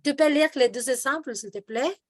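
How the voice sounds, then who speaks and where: A woman's voice: sits high, normal speed, no echo, studio quality. A woman teaching French in an online class, explaining patiently and modeling words for her student to repeat. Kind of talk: online language lesson, explaining in Spanish and French.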